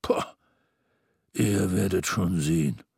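A man voicing a grumpy, sour Father Christmas figure in a storybook reading, with a deep, sonorous voice and a growling, spiteful manner. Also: huge pitch swings, slow, vocal fry, husky, dry recording, studio quality, heavily acted.

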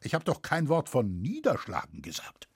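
A man voicing a stern, proper judge who questions in formal, measured speech in a storybook reading. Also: mid-range voice, huge pitch swings, slightly rough, no echo, studio quality, full character voice. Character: stern, proper middle-aged male judge.

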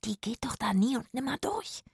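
Eine Erzählerin, die in einer Kinderhörgeschichte ein mutiges Mädchen spricht, meist flüsternd. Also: female voice, medium pitch, moderate pace, husky, no echo, studio quality, natural voice. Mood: whispering. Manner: whispering, hissing. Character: clever girl musician, bold.

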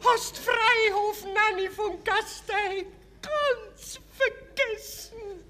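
A man voicing a wronged, anguished peasant mother in a melodrama, in a shrill falsetto with wailing, drawn-out cries. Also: background noise, full character voice. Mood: bitter, accusing. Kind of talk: melodramatic stage reading in dialect.

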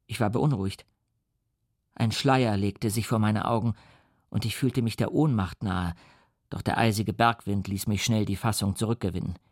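A man reading a classic novel aloud as calm, measured first-person audiobook narration. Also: medium pitch, dry recording, studio quality. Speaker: audiobook reader.

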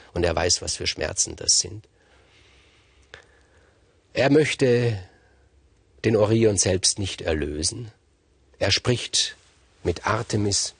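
Gravelly, husky male storyteller. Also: lowish voice, no room sound. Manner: lively, conversational retelling with emphatic asides. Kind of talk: freely told myth narration.

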